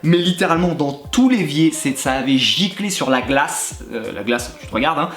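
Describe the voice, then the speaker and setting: A man's voice: a little high, normal speed. Man telling crude stories in an echoey room. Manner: animated, crude and laughing, addresses the listener directly. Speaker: YouTuber recounting his time as a gym coach. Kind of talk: comedic anecdote storytelling to the viewer. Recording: echoey room with faint background music.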